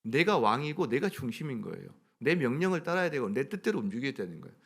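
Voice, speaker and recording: A man's voice: mid-range voice, big pitch swings, quick pace, gravelly, a bit bright, slightly rough. A man preaching a sermon as pastor in a church. He talks conversationally and keeps putting questions to the congregation. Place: church sanctuary.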